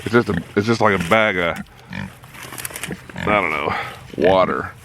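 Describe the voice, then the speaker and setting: A man's voice: deep voice, measured pace, background noise. A middle-aged man, a hobby farmer, chatting and joking with viewers and his animals while standing outside by a fence. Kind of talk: casual vlog narration. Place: outdoors by a farm fence.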